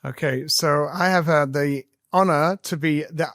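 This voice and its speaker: A man in his fifties, an army medic and educator from South Africa and England, tells his story as an interview guest in an accent mixing English and South African. His voice is a little high and a bit bright, his pace measured, and he comes across earnest and full of fillers over slight background noise.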